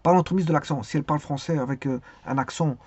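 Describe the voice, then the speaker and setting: A man giving a spoken lesson on speaking skills, hesitant, with many pauses and repeated words. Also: a little high, a little mellow, breathy edge, no echo. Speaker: teacher. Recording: dull lo-fi sound.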